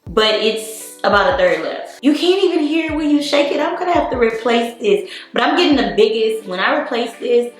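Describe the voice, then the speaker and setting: A woman's voice: a little high, sing-song, a little fast, few pauses, breathy edge. A woman in her young adult years, chatting casually through a get-ready makeup tutorial, filling her talk with "like". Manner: casual, chatty, lots of "like" fillers. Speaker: beauty vlogger. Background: faint music.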